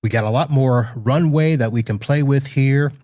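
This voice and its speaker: A man's voice: medium pitch, normal speed, mellow. A man hosting a business technology podcast, asking questions in a casual, friendly way with plenty of fillers. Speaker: podcast host. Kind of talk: conversational podcast interview.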